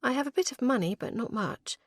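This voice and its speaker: Bright high teasing young wife, quick with a jab, woman narrator doing her, dry close sound. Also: expressive, dry recording. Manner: playful, arch, quick to tease. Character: spirited young newlywed gentlewoman, teasing.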